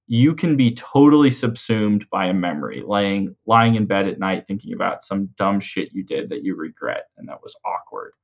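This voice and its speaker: A man in a conversational coaching role, explaining ideas in a measured way and rephrasing his points. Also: lowish voice, vocal fry, lo-fi sound. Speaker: host and coach explaining mental frameworks.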